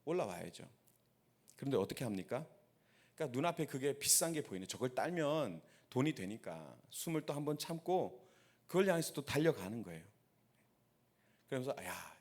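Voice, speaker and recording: A man's voice: medium pitch, darkish tone. Pastor, male, mid-range voice, preaching a sermon to his church and drawing listeners in with questions. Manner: storytelling with rhetorical questions to the congregation. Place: church sanctuary.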